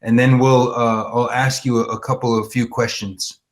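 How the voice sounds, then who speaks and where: A man's voice: medium pitch, level tone, normal speed. A man moderating a panel, asking questions in a brief, tentative way. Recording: faint noise with clicks.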